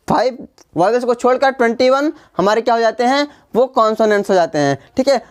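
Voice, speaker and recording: Slightly high-voiced Hindi-accented woman teaching. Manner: repetitive, spells words letter by letter, frequent "ठीक है" check-ins. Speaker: English grammar teacher. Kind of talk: classroom-style grammar lesson.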